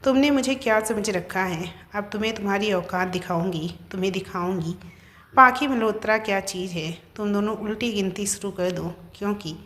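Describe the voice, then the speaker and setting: A woman's voice: medium pitch, normal speed, a bit bright, close to an everyday voice. A woman voicing a proud, wealthy young wife who answers back angrily, in a narrated story. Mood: defiant. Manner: angry, defiant.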